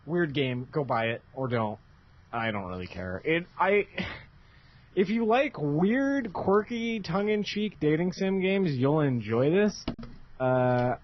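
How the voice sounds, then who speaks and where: Man, casual podcast chat, wry and rambling, dull lo-fi audio. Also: mid-range voice. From United States. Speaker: podcast co-host.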